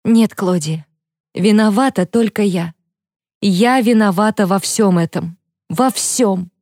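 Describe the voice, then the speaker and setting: A woman voicing a teenage girl who is upset and crying, high and strained. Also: takes it slowly, darkish tone, dry recording, clean studio sound. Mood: sobbing.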